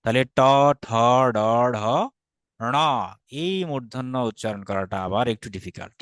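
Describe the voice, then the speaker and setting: Patient Bangladeshi man teaching, dry sound. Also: medium pitch. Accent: Bangladeshi Bengali. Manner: patient, repeats sounds for students to echo; mixes English words into explanations. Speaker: Sanskrit teacher. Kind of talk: online grammar class.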